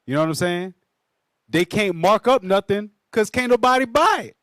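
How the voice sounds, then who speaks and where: High-pitched, slangy man. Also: expressive, normal speed, fairly bright tone, no room sound, studio quality. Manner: slangy, emphatic, repeats himself. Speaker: panelist on a religious group's news discussion show. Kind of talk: casual group discussion of news.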